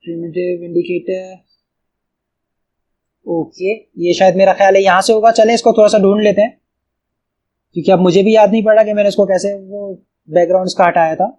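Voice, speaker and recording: A man's voice: sits high, level tone, brisk, long pauses, dark tone, lo-fi sound. Casual Pakistani man talking through code. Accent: Pakistani Urdu. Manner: casual, thinks aloud, keeps saying "bhai". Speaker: coding tutor. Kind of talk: screen-recorded coding tutorial.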